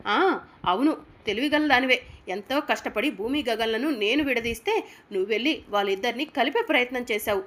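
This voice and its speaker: A woman's voice: fairly high pitch, brisk, fairly bright tone, natural voice. A woman reading the lines of a scheming sister-in-law who scolds sharply and sarcastically in a serial recap. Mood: scolding.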